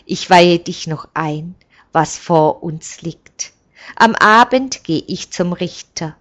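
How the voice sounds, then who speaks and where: A woman voicing an old male village elder who speaks in a firm, measured and kindly commanding way. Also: fairly low pitch, fairly bright tone. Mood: warm.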